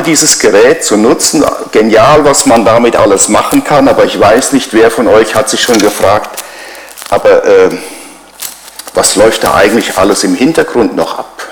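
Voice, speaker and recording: A man's voice: medium pitch, moderate pace, roomy sound, slight background noise, low-quality recording. A middle-aged man giving a conversational sermon as a pastor, driving his points home with repeated rhetorical questions.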